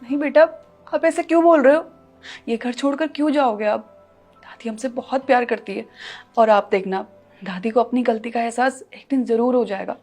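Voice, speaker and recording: A meek, gentle young mother. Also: fairly high pitch, moderate pace, faint music behind. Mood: soothing. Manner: gentle, pleading, soothing. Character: meek, loving young mother and daughter-in-law. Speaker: daughter-in-law. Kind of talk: family short-film acting.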